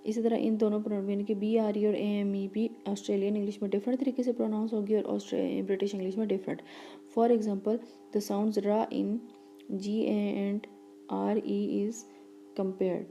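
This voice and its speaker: A woman teacher giving a lecture, reading English lines slowly and explaining them quickly in between, with fillers and restarts. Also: medium pitch, flat delivery, warm tone, a little hiss or hum.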